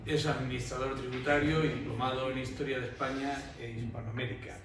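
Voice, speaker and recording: A man's voice: mid-range voice, steady tone, fairly quick. A man moderating a panel, introducing speakers in a semi-formal way. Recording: very echoey, distant mic, clear background noise.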